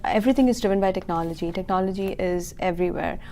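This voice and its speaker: A woman's voice: lowish voice, fast, mellow, a little hiss or hum. A woman in her thirties from Kuwait, a school founder explaining her business in a local TV interview, earnest and full of fillers. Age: 30s.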